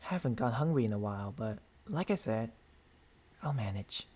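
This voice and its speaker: With lively intonation and a mid-range voice, the man playing a gentle vampire boyfriend sounds reassuring in this intimate binaural ASMR roleplay. His delivery is halting, husky and breathy, sprinkled with formal endearments.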